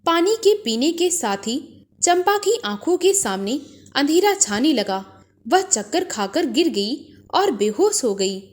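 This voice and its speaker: A woman narrates a fairy tale with dramatic, expressive storytelling. Her voice is high and swings widely in pitch. She takes a slow, deliberate pace. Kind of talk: scripted folk-tale narration.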